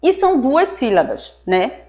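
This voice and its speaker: A woman's voice: high voice, very animated, a little slow, a little mellow. A woman English teacher with a Brazilian Portuguese accent, explaining grammar step by step at a board. She often checks understanding and drops English words into her explanations. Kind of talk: recorded classroom lesson.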